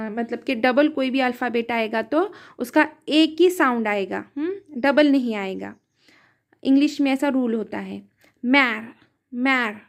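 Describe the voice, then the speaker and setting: A woman teaching English reading, sounding out words letter by letter in a patient, slow phonics lesson and correcting herself along the way. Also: fairly high pitch.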